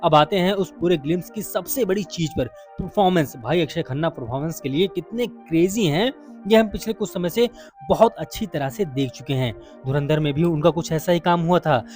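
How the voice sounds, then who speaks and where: A man giving a casual, chatty film review to his viewers, calling them brother and friend. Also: sits high.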